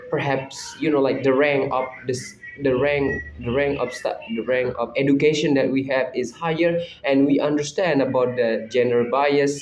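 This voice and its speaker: A man's voice: mid-range voice, darkish tone, a little hiss or hum. A young man with an Indonesian accent casually answering assignment questions, reflective and often restarting his sentences. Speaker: student. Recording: roomy, slightly dull recording.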